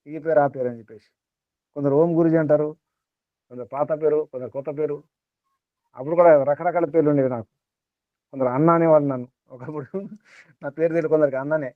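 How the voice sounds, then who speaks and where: A man delivering a spiritual discourse with a somewhat raised pitch, circling back to the same phrases and pressing his listeners with questions. His voice comes through a thin, phone-like channel with a dry, close sound. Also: fast talker, long pauses, dry recording. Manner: repetitive, rhetorical questioning. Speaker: spiritual teacher. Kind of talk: spiritual discourse to a small group.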